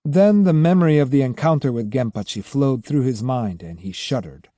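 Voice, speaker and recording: A man narrating a novel in an audiobook, expressive and measured. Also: medium pitch, no room sound, clean studio sound. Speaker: audiobook reader.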